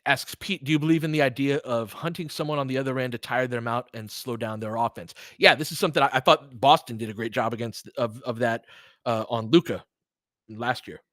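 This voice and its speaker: Here a man hosts a sports stream, speaking a little fast at a medium pitch with a steady, slightly bright tone. As a podcast host and live play-by-play commentator, he chats casually and delivers commentary thoughtfully, somewhat hesitantly and conversationally, in clean studio sound with no room sound.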